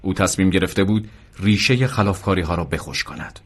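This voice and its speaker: A man narrating a story steadily. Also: sits low.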